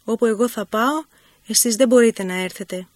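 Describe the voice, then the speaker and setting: Christ, grave and gentle, read by a woman. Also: on the high side, dry recording, natural voice. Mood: solemn. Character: Christ, a gentle, grave grown man teacher.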